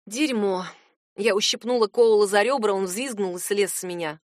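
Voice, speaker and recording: A woman reading a novel aloud in first person as an audiobook narrator, with measured, wry storytelling. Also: mid-range voice, no room sound, clean studio sound.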